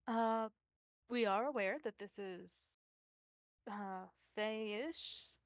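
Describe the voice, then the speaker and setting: A woman's voice: mid-range voice, extremely slow, no room sound. A woman voicing a prim, determined young noble girl in a tabletop game, formal and insistent.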